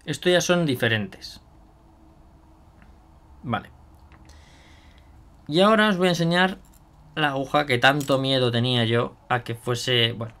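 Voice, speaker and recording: A man's voice: mid-range voice, fairly bright tone. A man chatting casually through a hands-on product demo, thinking aloud with fillers and asides to viewers. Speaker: miniature painting youtuber.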